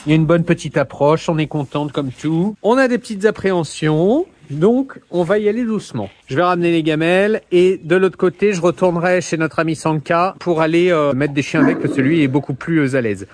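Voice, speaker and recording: A man's voice: fairly high pitch, a little fast, a little mellow, dry recording. A young man who runs a dog boarding kennel, chatting playfully on a handheld phone outdoors and calling to the dogs. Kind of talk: casual vlog narration. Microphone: phone held in hand.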